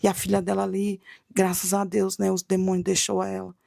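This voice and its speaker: A woman's voice: mid-range voice, monotone, a little fast, creaky, mellow, no room sound, studio quality. A woman tells a dramatic religious testimony, acting out her own cries for mercy as she goes. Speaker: guest telling a testimony.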